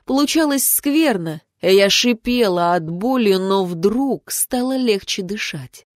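Expressive woman audiobook narrator. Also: mid-range voice, unhurried, no echo, studio quality. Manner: expressive, animated reading. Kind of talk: first-person audiobook narration.

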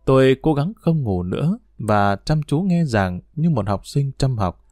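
A man narrating a first-person story in a plain, steady way. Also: medium pitch, no room sound, clean studio sound.

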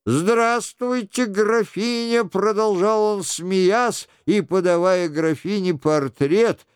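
A male audiobook reader telling a classic adventure in a slow, measured way. His voice sits slightly high and sounds smooth and resonant. The recording is dry, with no room sound. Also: a little mellow, dry recording. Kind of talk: scripted narration.

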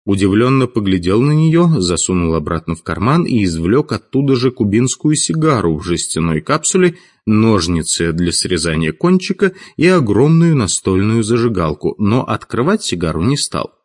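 A man narrating an audiobook in a steady, even reading voice. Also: fairly low pitch, normal speed, few pauses. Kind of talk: scripted narration.

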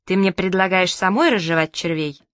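A woman voicing a stern, sharp-tongued elderly grandmother in an audiobook, grumbling and sarcastic. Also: on the low side, moderate pace, no room sound, studio quality, natural voice. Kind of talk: audiobook character voice.

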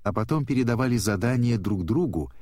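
A man narrating a children's storybook in a steady, expressive way. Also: mid-range voice, brisk, dry recording, clean studio sound.

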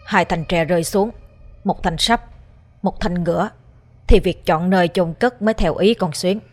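A woman's voice: fairly low pitch, moderate pace, a little mellow, faint music behind, close to an everyday voice. A woman voicing a stern old man who is a village ritual master, giving commanding instructions in an audio ghost story.

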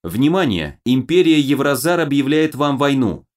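A man reading a flat game-system announcer. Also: medium pitch, normal speed, natural voice. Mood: formal.

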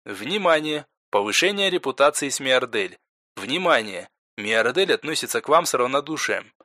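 Guy reading a soft flat game system voice, bone dry sound, plain announcements. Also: mid-range voice, moderate pace, dry recording. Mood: announcing.

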